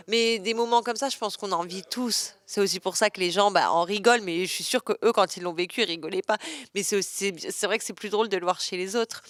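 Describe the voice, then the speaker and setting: A woman's voice: medium pitch, a bit bright. A young woman answering interview questions in an open, chatty way, with frequent fillers and restarts. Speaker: interview guest.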